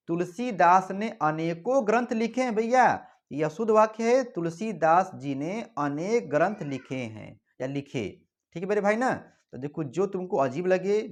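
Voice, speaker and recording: A man teaching a Hindi exam-prep lesson in a colloquial, lively way. He calls his listeners brother, repeats phrases for emphasis and reads example sentences slowly and deliberately. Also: fairly high pitch.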